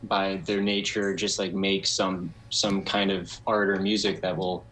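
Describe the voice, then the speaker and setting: Low-voiced man rambling with lots of "like". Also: level tone, unhurried, fairly bright tone, a little hiss or hum, low-quality recording. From United States. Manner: rambling, heavy use of "like", thinking aloud. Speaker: record label co-founder, guest. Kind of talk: casual podcast interview.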